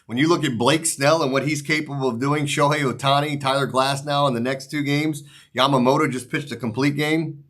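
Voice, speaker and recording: A man's voice: mid-range voice, fairly even intonation, fairly quick, a bit bright. A man hosting a sports betting show, talking casually and ramblingly to viewers with mild swearing, his articulation slightly off as if his mouth is numb from the dentist. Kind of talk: casual sports picks commentary, straight to viewers.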